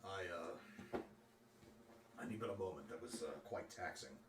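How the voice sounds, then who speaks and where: Weary old warrior, man doing it: deep, slow and formal, heard off-mic in a roomy space. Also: distant mic, very noisy. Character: weary old male warrior, noble, loyal. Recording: roomy, off-mic, faint room ambience.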